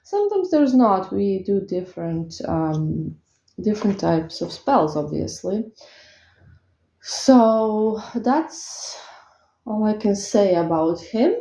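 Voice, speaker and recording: A woman with a medium-pitched, dark-toned voice speaks slowly in a sing-song way. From Croatia and carrying a Croatian accent, she reads tarot and talks casually to viewers, hesitant with many fillers. The room is echoey and the sound dull and lo-fi.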